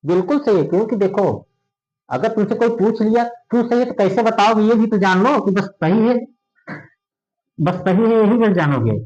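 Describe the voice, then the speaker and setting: A man teaches English grammar to his class in a high, lifted voice. He keeps pausing to ask whether everyone has understood. The recording sounds dull and lo-fi. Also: darkish tone. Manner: checks often if students understand. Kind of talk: classroom lesson.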